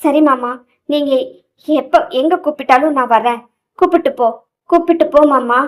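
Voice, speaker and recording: A woman's voice: high-pitched, steady tone, moderate pace, lightly acted. Give me a tearful, pleading young wife as a woman narrator voices her.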